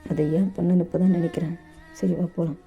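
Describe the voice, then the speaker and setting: A woman voicing a calm, protective young man who soothes and reassures his partner. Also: fairly low pitch, fast talker, husky. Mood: soothing. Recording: dull lo-fi with faint music.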